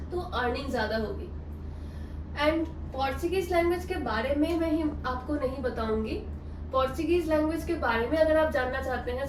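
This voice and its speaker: A woman teaching a language lesson online, slowly repeating words for learners, mixing Hindi and English. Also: high voice, background noise. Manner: slow, careful teaching with repeated drill words. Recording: echoey room, voice from a distance.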